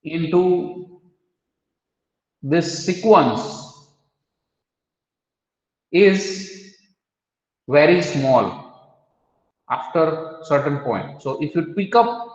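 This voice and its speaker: A man's voice: on the high side, lively intonation, extremely slow, long pauses, a little mellow. Lecturing man in an echoey hall. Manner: explains step by step, quizzes the class. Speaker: mathematics lecturer. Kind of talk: classroom lecture. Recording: echoey hall, dull lo-fi sound.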